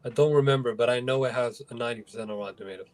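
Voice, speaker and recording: Fast-talking young man, offhand and slangy. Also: medium pitch, darkish tone. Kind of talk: casual movie chat.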